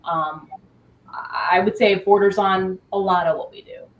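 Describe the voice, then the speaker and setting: A woman's voice: medium pitch, fairly even intonation, normal speed, phone-quality sound. A woman school nurse on a podcast, speaking thoughtfully with hesitations and repeated words. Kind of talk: casual interview chat. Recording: echoey, distant mic with faint room noise.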